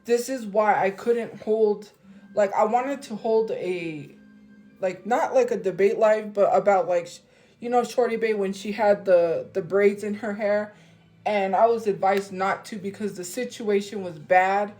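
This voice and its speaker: A woman's voice: mid-range voice, measured pace, darkish tone, poor audio. A woman on a phone live stream, venting and defending herself to her viewers in a casual, heated way.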